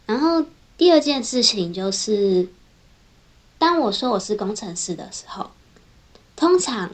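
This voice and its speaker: A woman's voice: medium pitch, big pitch swings, unhurried. Young woman, mid-range voice, casual vlog storyteller, chains her thoughts with "and then". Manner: chatty, strings thoughts together with frequent "then". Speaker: software engineer.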